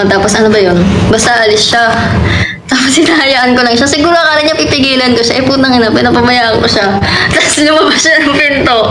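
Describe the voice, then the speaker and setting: A woman with a fairly high voice tells a story in easy, casual chat, laughing and cursing as she goes. The room is echoey and loud noise sits under her voice. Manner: laughing, swearing freely. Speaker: partner telling a story.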